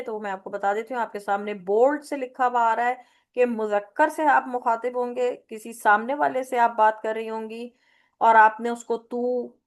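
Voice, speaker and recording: A woman teacher giving a grammar lecture, explaining slowly with repeated examples and mixing English terms into her speech. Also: on the high side. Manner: mixes English terms into Urdu. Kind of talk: online Arabic grammar lecture.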